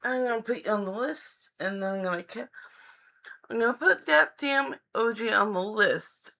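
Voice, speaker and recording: A woman giving a live psychic-hotline style card reading, speaking in halting, deliberate phrases with an encouraging, reassuring manner. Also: a little high, vocal fry, sharp tone. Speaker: live-stream tarot reader and host.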